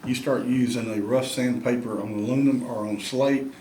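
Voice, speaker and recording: A man's voice: mid-range voice, fairly even intonation, moderate pace, dark tone, reverberant, a little hiss or hum. A man giving a folksy, drawling tutorial on caring for turkey pot calls and calling y'all to the viewers. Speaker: turkey call maker and instructor. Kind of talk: demonstration tutorial.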